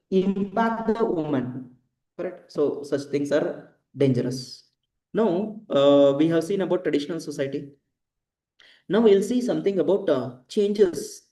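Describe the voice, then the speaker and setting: A man's voice: on the high side, dark tone. A man with an Indian accent lecturing a class, repeating key points and often checking that students follow. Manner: didactic, repeats points, frequent check questions like "correct?" and "right?". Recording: roomy echo, voice distant from mic.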